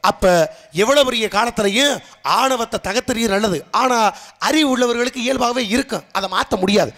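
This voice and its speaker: A man's voice: very high-pitched, fairly quick, pushed and bright. A man playing the sage Narada on a Tamil folk stage, lecturing through rhetorical questions. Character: sage Narada, older man, lofty and needling. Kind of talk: Tamil street-theatre stage dialogue.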